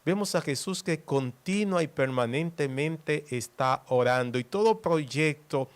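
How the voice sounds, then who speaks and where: A man's voice: a little high, animated, unhurried. A man who is a priest, leading a prayer and explaining a Bible passage in an earnest, teaching way. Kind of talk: prayer and homily.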